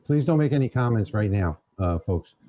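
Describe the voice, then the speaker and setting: A man's voice: on the low side, animated, normal speed, phone-quality sound. A man from Louisiana hosting a casual livestream, chatting easily while running a prize drawing on a wireless mic. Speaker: livestream host.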